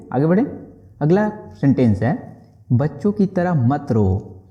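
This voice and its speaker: A man teaching everyday English sentences in Hindi, saying each English phrase slowly and deliberately. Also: mid-range voice. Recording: muffled lo-fi recording.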